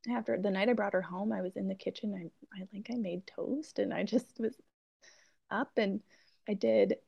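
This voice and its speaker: A woman's voice: medium pitch, creaky, no room sound, highs cut off. A young woman guest on a podcast interview, recounting her birth story in a reflective, rambling way with fillers and light laughs.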